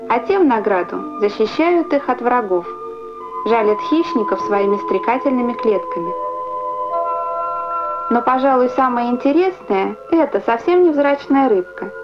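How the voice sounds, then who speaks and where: High-pitched female newsreel narrator over music. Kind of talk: scripted nature film narration. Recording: muffled vintage film soundtrack.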